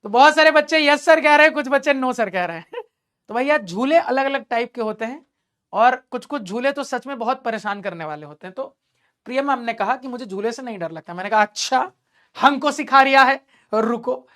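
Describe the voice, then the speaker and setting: Male teacher, high voice, lively storytelling, teasing, laughs a lot. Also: fairly quick. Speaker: online math teacher. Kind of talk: storytelling aside in a lesson.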